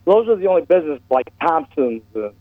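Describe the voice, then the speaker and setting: A man's voice: a little high, sing-song, a little fast, no echo. A male caller to a radio talk show, talking bluntly and plainly over a clipped, crackly phone line. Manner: blunt, plain-spoken, rambling. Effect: clipped, bad phone line. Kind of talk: casual call-in chat.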